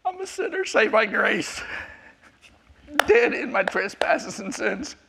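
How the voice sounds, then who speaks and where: A rambling, bright-voiced South African man in his fifties, an Afrikaans native speaker with an American accent, gives a personal testimony as a church class speaker, joking and interrupting himself. His voice sits high and very animated, creaky with a breathy edge, at a slow pace.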